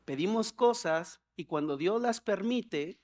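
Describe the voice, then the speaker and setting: A man preaching a sermon as a pastor, animated, with humorous asides and pleading prayers acted out in a higher voice. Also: takes it slowly.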